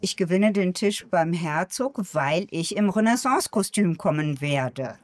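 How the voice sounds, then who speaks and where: A woman's voice: lowish voice, expressive, measured pace, dry recording. A woman chatting casually as a guest, explaining things in a conversational way. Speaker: guest, costumed tour guide and former English teacher. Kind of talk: casual chat.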